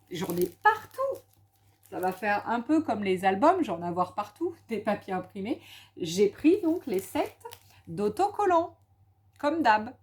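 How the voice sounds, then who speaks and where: A woman's voice: high voice, a little mellow. A woman from France chatting casually at home about craft supplies she bought, enthusiastic and full of little hesitations and repeats. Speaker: crafting vlogger. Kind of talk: casual haul and craft chat.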